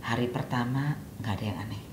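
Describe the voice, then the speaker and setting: An older woman with a Sundanese-inflected accent tells a religious story to her son and acts out each speaker in it. Her voice sits low, and she leaps up in pitch for the dialogue. The room is echoey, with a faint rumble underneath. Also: steady tone, fast talker. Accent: Sundanese-inflected Indonesian. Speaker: mother giving religious advice. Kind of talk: casual storytelling chat.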